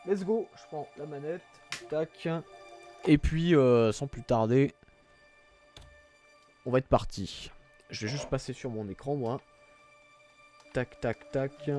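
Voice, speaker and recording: A man's voice: medium pitch, warm tone. A man streaming a video game, chatting casually and reading menus and game text aloud, with self-mocking asides. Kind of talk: casual gameplay commentary.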